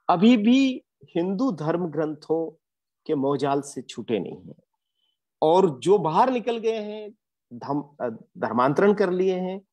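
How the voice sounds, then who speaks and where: A man giving an academic lecture, earnest and reflective, pausing often with hesitations. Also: on the high side, darkish tone. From India. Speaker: guest lecturer.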